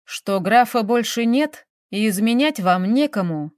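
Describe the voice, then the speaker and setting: A woman voicing a stern, sarcastic male investigator who lectures in a dry monotone, in an audiobook. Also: a little high, a little slow, no echo.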